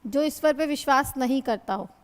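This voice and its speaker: A woman's voice: sits high, a little fast. A woman teaching Hindi grammar in a classroom lecture. She explains patiently, asks her students questions and calls them "beta". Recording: long hall reverb.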